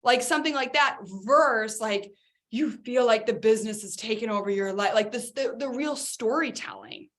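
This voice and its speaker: A woman co-hosting a podcast in casual chat, talking in an animated, chatty way with lots of fillers. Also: fairly high pitch, moderate pace. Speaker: podcast co-host.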